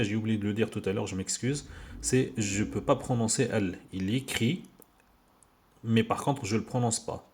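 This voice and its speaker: A man's voice: on the low side, a little mellow. A man giving an informal video lesson on Arabic letters, patiently repeating words for learners, recorded on a handheld phone. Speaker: Arabic teacher.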